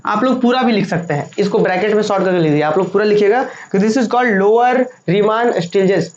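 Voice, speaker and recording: A woman's voice: mid-range voice, normal speed, darkish tone. A woman teaching a maths lecture, patient and repeating each point, mixing English terms into her talk. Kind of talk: classroom lecture. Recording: dull lo-fi sound with faint noise.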